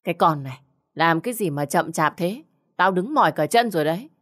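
A woman voicing a fat, fierce, bossy older village woman with a gruff voice in a storybook reading. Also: lively intonation, fairly quick, a bit bright. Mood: scolding. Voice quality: gruff booming voice. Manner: scolding, pushy.

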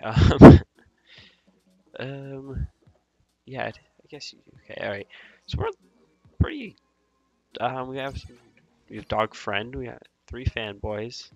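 A man's voice: lowish voice, a little mellow. A man hosting a gaming channel, talking through gameplay in casual, rambling commentary with many hesitations and fillers.

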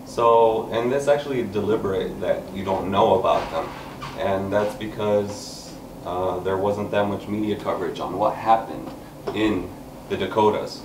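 A man in his thirties, voice lowish and steady, gives an earnest spoken-word introduction at an open mic before reading his poem, gesturing as he talks and pausing a lot. He sits on a couch facing a small seated audience in a small room, filmed from a distant camera with no mic in sight, so the sound is echoey with background noise.

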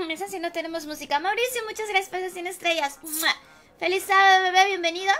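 A woman with a very high, bright voice, hoarse from losing it, chatting late at night on a gaming livestream. She greets her viewers one by one, warm and affectionate, blowing them kisses. Faint music plays behind her. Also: steady tone, fast talker. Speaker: livestream gamer host.

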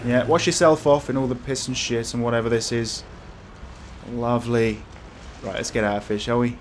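A man's voice: mid-range voice, fairly even intonation, normal speed, slight background noise. A man giving casual let's play commentary as a scared, jumpy horror game streamer who exclaims and swears. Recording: music behind the voice.

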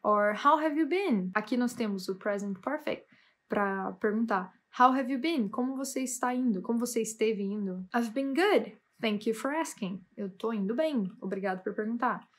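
Woman, English teacher, enthusiastic, fairly high voice. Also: moderate pace. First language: Portuguese. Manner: lively, enthusiastic, switches between languages. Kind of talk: bilingual English lesson.

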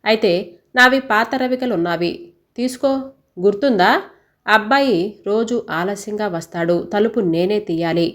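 A woman's voice: medium pitch, unhurried, long pauses, close to an everyday voice. A woman reading a story aloud and voicing a domineering, suspicious older mother-in-law who scolds harshly. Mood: commanding.

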